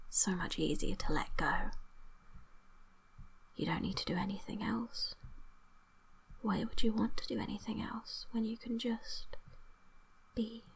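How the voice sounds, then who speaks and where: A woman giving an ASMR hypnosis session in a breathy whisper, coaxing the listener with repetitive suggestions and lingering pauses, close to the microphone. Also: mid-range voice, poor audio.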